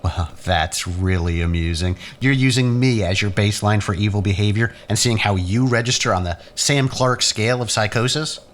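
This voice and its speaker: Acting in a science fiction audio drama, a man plays a bitter, sardonic younger-brother scientist, delivering mocking, accusing lines in a theatrical, erudite way. His lowish, natural voice moves at a moderate pace with few pauses, against faint noise and room ambience.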